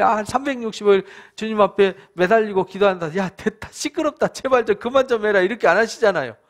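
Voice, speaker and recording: High-voiced Korean pastor teaching scripture. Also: male voice. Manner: conversational, asks the listeners for agreement, acts out quoted speakers. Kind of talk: Bible study lecture.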